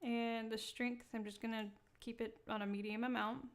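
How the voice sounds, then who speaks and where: A woman hosting a live-streamed software tutorial, talking casually with many fillers and laughing at her own slips. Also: a little high, flat delivery, moderate pace. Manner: casual, chatty, many ums, laughs at herself. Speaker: software demo host. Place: indoor room.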